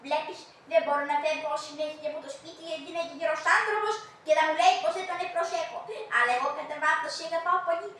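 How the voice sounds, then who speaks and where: A man's voice: very high-pitched, few pauses, bright, forceful tone, a little hiss or hum. A man voicing a scheming, unfaithful young wife in a shadow puppet play, talking in a sweet, coaxing way. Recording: very echoey, heard from a distance.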